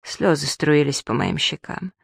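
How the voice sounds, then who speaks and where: A woman narrating an audiobook in the first person, reading in a soft, measured and emotional way. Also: low voice, very animated, creaky, slightly rough, dry recording, clean studio sound.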